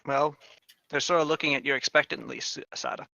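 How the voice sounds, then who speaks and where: A man narrating an improvised tabletop role-playing game as game master, with halting pauses. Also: on the high side, fairly even intonation, bright, forceful tone, dry recording, muffled recording.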